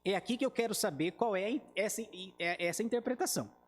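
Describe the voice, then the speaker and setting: Speaking with a Brazilian Portuguese accent, this pastor teaches a Bible study in a conversational style, speaking straight to the group and performing the quoted speech. His high-sitting voice moves briskly and echoes as if in a large hall.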